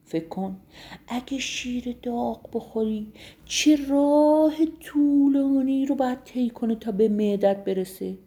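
A woman voicing a kind male rhinoceros who calmly reassures a friend in a children's bedtime story. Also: fairly high pitch, pitched above the performer's own voice, natural voice. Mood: reassuring.

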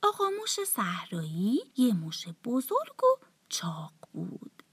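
A woman telling a bedtime story to children in a soft, often half-whispered, tender voice. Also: medium pitch, huge pitch swings, noisy background.

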